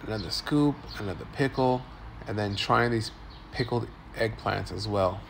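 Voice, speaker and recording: A man's voice: on the low side, moderate pace, gravelly, a little hiss or hum. A man in his forties doing upbeat tour-guide commentary as a food vlogger, filming on a phone at an outdoor street food stall. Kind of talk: casual walk-and-talk food narration.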